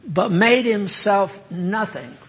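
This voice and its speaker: An older American man giving an informal sermon, conversational and halting with many fillers. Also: high-pitched, lively intonation. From United States. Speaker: preacher.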